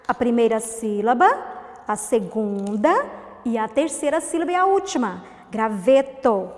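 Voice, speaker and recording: High-voiced teacher drawing out syllables. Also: female voice, long reverb tail. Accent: Brazilian Portuguese. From Brazil. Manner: slow and clear, stretching out syllables; asks the class questions and answers them herself. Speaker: primary school teacher. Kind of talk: recorded video lesson for children.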